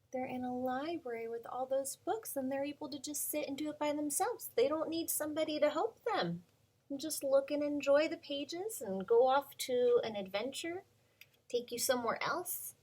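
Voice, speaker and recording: With a high voice at normal speed, a woman in her thirties working as a preschool teacher reads a picture book aloud to children. Her delivery is gentle and sing-song, sprinkled with lots of ums.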